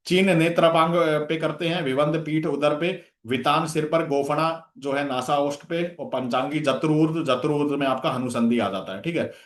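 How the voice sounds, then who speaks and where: A man's voice: on the high side, normal speed, few pauses, roomy sound. A man giving a revision lecture for an exam, listing terms with memory tricks and checking in with "theek hai" again and again. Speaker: exam coaching teacher.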